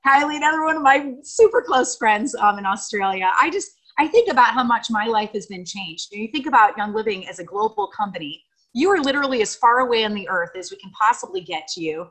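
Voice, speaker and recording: Give me an American woman giving a heartfelt, emotional tribute over a video call, warm and rambling. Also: fairly high pitch, expressive, fast, rough recording. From United States. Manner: gushing, emotional, rambling with fillers. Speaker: guest speaker on video call.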